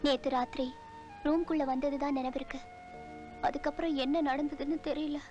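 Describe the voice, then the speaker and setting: A woman's voice: high-pitched, fairly even intonation, moderate pace, a little mellow, highs cut off, soft background music, lightly acted. A woman playing a shy young bride. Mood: gentle. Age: young adult.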